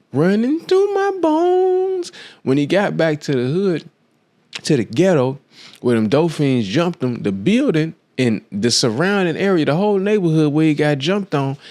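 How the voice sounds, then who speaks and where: A man's voice: a little high, a little mellow, no room sound. A man hosting his own show, telling a film story in a casual, slangy way and acting out the quotes as he goes. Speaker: podcast host. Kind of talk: casual monologue, film analysis.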